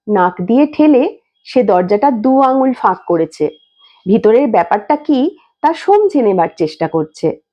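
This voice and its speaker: A woman reading a story aloud in an expressive, lively way, shifting her tone often. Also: fairly high pitch. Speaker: story reader. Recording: dull lo-fi recording.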